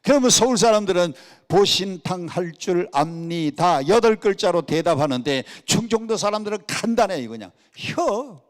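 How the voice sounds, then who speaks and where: A middle-aged male pastor preaching a lively sermon and leading the congregation in call-and-response. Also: high voice, moderate pace, few pauses. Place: church sanctuary. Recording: long hall reverb.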